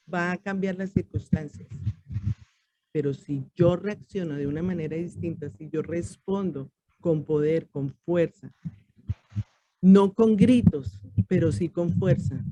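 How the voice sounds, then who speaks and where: A woman leads a church discipleship class in a mellow, warm voice. She speaks calmly and deliberately, often softening to a gentle hush. She acts out brief exchanges as she teaches. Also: fairly low pitch, a little hiss or hum, rough recording. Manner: calm, measured, often drops to a soft voice; acts out short everyday exchanges.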